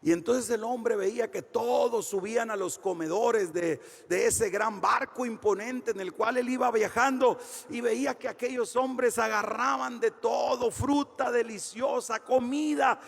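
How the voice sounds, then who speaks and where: A man preaching a fervent sermon, swinging from shouted declarations to hushed storytelling. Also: very high-pitched, fairly even intonation, unhurried, gravelly, husky, big-room sound. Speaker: pastor.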